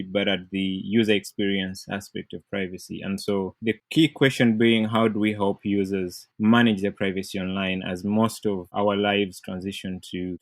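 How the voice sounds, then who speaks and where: A young man from Uganda with a Ugandan accent, a PhD candidate explaining his research in a measured way. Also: lowish voice, no room sound. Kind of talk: interview answers.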